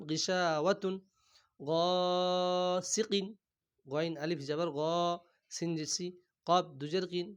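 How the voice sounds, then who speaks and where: A man leads a recitation class, slowly spelling out letters and vowel marks one by one. His voice is smooth and clear and sits a little high. He clears his throat often as he goes. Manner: patient, repeats each syllable slowly. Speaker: Quran teacher.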